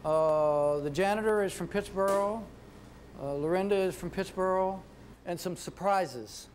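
A middle-aged American man with a fairly high voice performs a comic monologue as show host. He rambles and halts, often repeating a phrase before going on. Clear background noise sits behind him in a live indoor room. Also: unhurried. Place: small indoor stage with painted backdrop.

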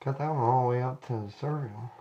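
A man's voice: medium pitch, fast talker, lo-fi sound. A middle-aged man, a chiropractic patient, chatting casually and ramblingly while lying down for treatment. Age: 40s or 50s. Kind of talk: casual chat during a treatment. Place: small chiropractic office, indoors. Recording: noticeable background noise, clicks.

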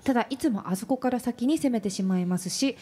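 Higher-voiced woman radio co-host. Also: brisk, mellow, slightly rough. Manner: laughs easily, brief reactions. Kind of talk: reading a listener letter on radio. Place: radio studio.

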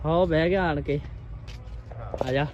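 A man with a Punjabi accent filming a casual outdoor vlog, calling out to his pigeon with long repeated shouts. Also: on the high side, fairly even intonation, a little slow, muffled recording, noisy background. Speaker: vlogger. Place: outdoors in fields, on a motorcycle.

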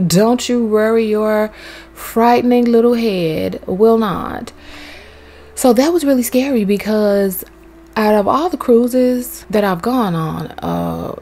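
Brief: woman vlogger, casual storytelling, animated and chatty, swears freely. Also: medium pitch. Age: young adult to middle-aged, has a son. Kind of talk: casual storytelling over gameplay.

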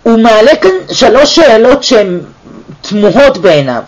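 A man with a high voice teaches a Torah lesson, full of animated rhetorical questions. The recording sounds dull and lo-fi. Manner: lively, asks many rhetorical questions. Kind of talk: weekly Torah portion lesson.

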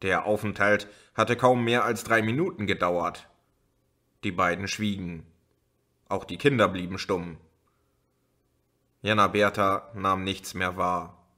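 A man reading a novel aloud as an audiobook in a slow, measured way. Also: low-pitched, steady tone, pushed and bright. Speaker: audiobook reader. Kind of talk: audiobook narration.

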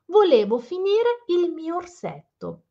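A woman reading aloud, voicing a tiny young female elf who is earnest and determined, with a small soft voice. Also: extremely high pitch, wildly swooping pitch, slow, creaky, pitched above the performer's own voice, exaggerated voice. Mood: quiet. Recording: slightly dull lo-fi sound.

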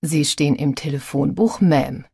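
A woman reading an audiobook, voicing a scheming man who poses as a polite reporter with an oily, drawn-out manner. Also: deep voice, animated, mellow, breathy edge, dry recording, clean studio sound.

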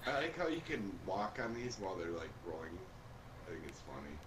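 A man's voice: sits low, big pitch swings, brisk. A man co-hosting a farming game let's play in easygoing casual chat, chuckling and explaining how the game works. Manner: laid-back, chuckling, explains game mechanics. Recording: roomy mic with background hiss.

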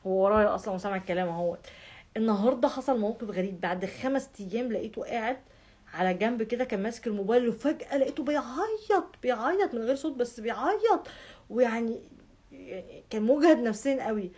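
A female astrology vlogger with an Egyptian Arabic accent chats casually with her viewers, her voice fairly high, expressive, fast, darkish and a bit breathy. She is emphatic, stressing points by piling up repeated words over and over.

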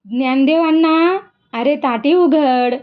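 A woman voicing a gentle wise young sister. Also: sits high, slow, highs cut off. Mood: coaxing. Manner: coaxing, earnest.

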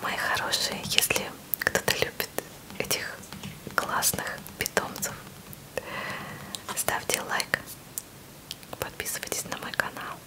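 A woman whispers softly for ASMR, very close to the microphone. Her delivery is breathy and very slow. She coos tenderly, repeating words in a soothing way. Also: low-quality recording. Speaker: ASMR channel host. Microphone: close mic.

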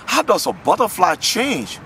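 A man's voice: sits high, very animated, unhurried, creaky, a bit bright, a little hiss or hum. A middle-aged man from Liberia, a pastor giving an earnest testimony and sermon to a close camera outdoors, often repeating words as he builds fervor. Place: outdoors in a garden, trees behind. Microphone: camera at close range.

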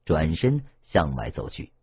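一名男性有声小说演播者，用讲故事的方式朗读网络小说，录音音质发闷。. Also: male voice, rumbling low, unhurried, husky, muffled recording. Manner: steady, expressive storytelling. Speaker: audiobook narrator. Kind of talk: scripted audiobook narration.

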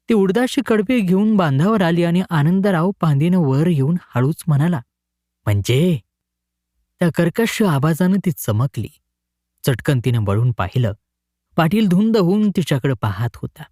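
Expressive male storyteller, lively pitch. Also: no echo, studio quality. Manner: expressive, dramatic reading. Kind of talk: scripted narration of a short story.

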